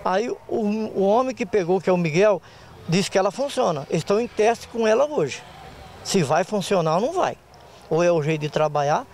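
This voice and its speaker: Out in an open-air market lot, an older market association president answers a street interview through a handheld reporter mic. His voice is high and a little mellow, with a Brazilian Portuguese accent, and he talks plainly in a rural way, repeating words, over slight background noise.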